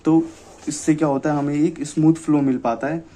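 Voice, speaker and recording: A young man giving an exam-prep lecture, often asking himself questions and checking "okay?", reading English definitions slowly. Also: on the high side, little pitch movement, dark tone. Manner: repeats "ठीक है" and rhetorical questions. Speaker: teacher.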